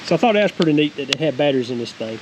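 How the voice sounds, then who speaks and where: A fairly high-pitched Southern man in his forties races through a casual, meandering, folksy product review for his homestead vlog. He's outdoors at a wooded creek, then on a cabin deck. The audio is poor, with a clear, constant background hiss.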